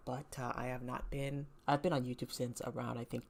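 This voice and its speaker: Young guy in his early 20s streaming, gravelly creaky voice, trails off and backtracks a lot. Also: medium pitch, level tone. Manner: halting, rambling, self-correcting. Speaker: livestreamer. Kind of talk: casual livestream chat.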